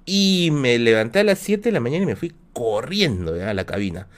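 A man's voice: mid-range voice, very animated, a little fast. A man with a Peruvian Spanish accent, casually telling a personal anecdote on his live stream, full of slang and fillers. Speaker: livestream host.

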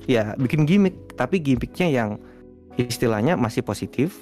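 A man, a guest streamer, chatting casually in an interview, relaxed and rambling with lots of fillers. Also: medium pitch, normal speed, faint music behind.

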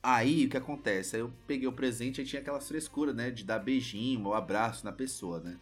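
A man with a Brazilian Portuguese accent spins a story in relaxed podcast chat. His voice sits at an ordinary mid pitch and stays lively, and he swears freely as he plays his younger self. Faint music runs underneath. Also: brisk.

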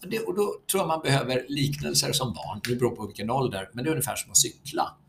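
Male guest lecturer, mid-pitched, animated storyteller, salty language, conversational. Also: creaky, a little hiss or hum. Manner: animated storyteller who swears freely and acts out quotes. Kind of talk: conversational podcast talk.

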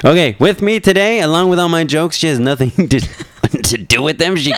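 A man's voice: on the high side, a little fast, dry recording. A man hosting a podcast in casual chat, joking and rambling, correcting himself, with a cough. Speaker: podcast host.

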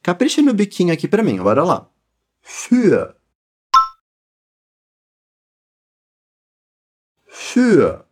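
A man with a Brazilian Portuguese accent leading a pronunciation lesson, encouraging learners and modelling words slowly for them to repeat. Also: high voice, wildly swooping pitch. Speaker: language teacher.

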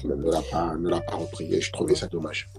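A man interviewing a guest in a relaxed conversation, hesitant and full of fillers. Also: low voice, fast talker, vocal fry.

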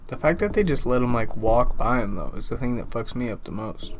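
A man's voice: mid-range voice, animated, brisk, a little hiss or hum. A man co-hosting a comedy podcast, chatting casually with loose, profane, laughing banter. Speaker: podcast co-host.

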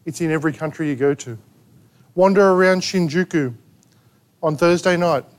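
High-voiced Australian preacher. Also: male voice, moderate pace. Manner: emphatic preaching with rhetorical questions and sharp asides. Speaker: pastor. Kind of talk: sermon. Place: church gathering in a rented hall.

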